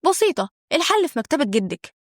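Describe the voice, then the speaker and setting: A woman voicing a calm, knowing young man with an Egyptian accent, speaking matter-of-factly. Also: high-pitched, fast, no room sound, studio quality, voice pushed up.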